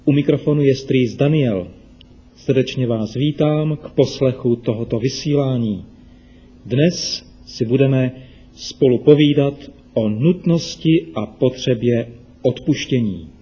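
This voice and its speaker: A man's voice: medium pitch, warm tone, husky, muffled recording. Man telling a children's Bible story. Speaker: children's radio host.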